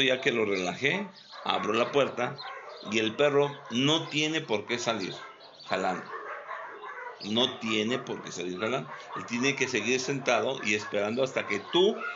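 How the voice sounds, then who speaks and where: A man teaching dog training outdoors, calmly demonstrating and repeating commands. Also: medium pitch, a little slow. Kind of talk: hands-on training instruction. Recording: dull recording with loud background noise and barking dogs.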